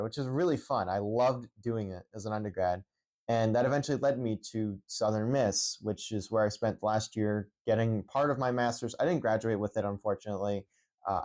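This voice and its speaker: A young esports head coach from Central Pennsylvania rambles unscripted into his phone at home for a vlog, his mid-range voice darkish in tone. The monologue is full of restarts and fillers.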